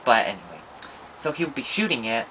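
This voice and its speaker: A man's voice: medium pitch, very animated, fairly quick, sharp tone, slight background noise, rough recording. Man playing a shy, friendless schoolboy. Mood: sheepish. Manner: hesitant and rambling, many ums and restarts. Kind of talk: improvised comedy monologue.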